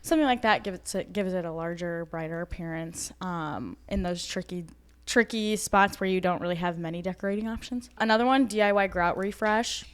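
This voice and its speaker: A woman's voice: on the low side, a little fast, clear, resonant tone. Easygoing female podcast co-host. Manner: chatty, easygoing tip-giving. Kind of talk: casual podcast chat.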